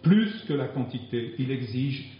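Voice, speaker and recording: A man voicing a calm, devout woman of prayer in a spoken religious story, quiet and earnest. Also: mid-range voice, measured pace, natural voice. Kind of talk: reading a religious story aloud. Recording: very echoey, dull lo-fi sound.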